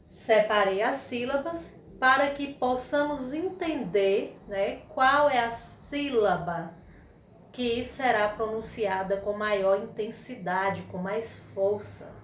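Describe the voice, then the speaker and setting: A woman teaching young children a language lesson, speaking patiently and stressing syllables loudly. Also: fairly high pitch, slow pace, a little hiss or hum. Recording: echoey room, faint crickets.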